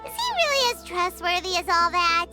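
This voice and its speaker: A woman's voice: very high-pitched, sing-song, moderate pace, heavily acted. A woman voicing a small, chirpy female companion in a video game who talks about herself in the third person. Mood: curious. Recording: game audio under loud music.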